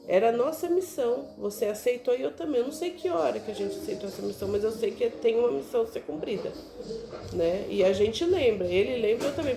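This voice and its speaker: Woman, mother, casual storytelling, animated, roomy echo, music behind. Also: on the high side. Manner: animated, chatty, often adds "né?". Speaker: mother sharing personal story.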